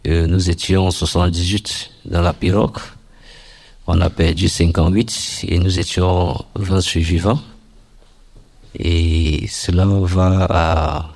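A man's voice: low-pitched, flat delivery, takes it slowly, darkish tone. A man from Cameroon, giving a formal, earnest personal testimony at a workshop.

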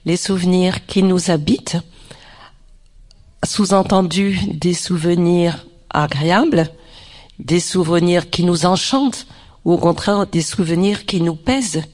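A woman facilitating a group discussion, speaking off the cuff and pausing to rephrase. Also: fairly low pitch, a little mellow. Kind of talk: introducing a group discussion, unscripted.

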